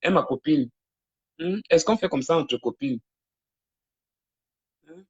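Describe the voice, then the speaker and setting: A man with a fairly high, expressive voice talks slowly, and the recording has its highs cut off. He's hosting a casual livestream from home into his phone, talkative and teasing, though his voice sometimes drifts away from the mic. When phone calls come in, he switches to a quiet aside.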